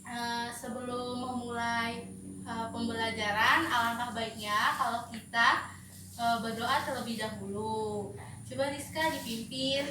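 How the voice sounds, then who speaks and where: A woman teaching a grammar lesson to pupils, speaking with many hesitant filler pauses. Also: on the high side, fairly even intonation. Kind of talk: classroom lesson. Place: home study room. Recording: echoey room from far off, noisy.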